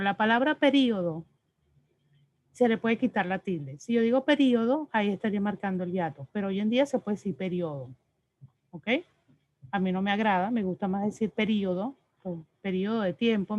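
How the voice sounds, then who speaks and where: A woman teacher explaining spelling and pronunciation rules to her class, patient and explanatory, often checking in with "ok?". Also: mid-range voice. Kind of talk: online class lecture. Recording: slightly dull lo-fi audio.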